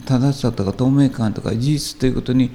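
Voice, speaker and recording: A man, a guest teacher musing slowly and reflectively in conversation, often trailing off. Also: mid-range voice, warm tone.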